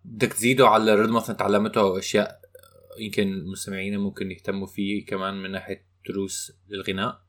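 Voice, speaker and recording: Quick, lowish-voiced Levantine male host. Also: level tone, fairly bright tone. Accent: Levantine Arabic. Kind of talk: casual chat.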